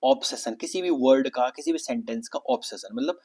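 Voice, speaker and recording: Young man from Uttarakhand, vocabulary lesson teacher, mid-pitched, repetitive question-and-answer explaining. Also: normal speed, mellow, husky. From Uttarakhand, India. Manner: explanatory, repeats words and asks rhetorical questions.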